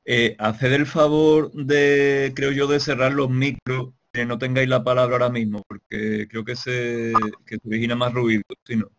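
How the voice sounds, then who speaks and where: A man opening an online doctoral session, speaking haltingly with many restarts. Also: mid-range voice, little pitch movement, slight background noise. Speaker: event organizer. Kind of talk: opening remarks on a video call. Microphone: video call.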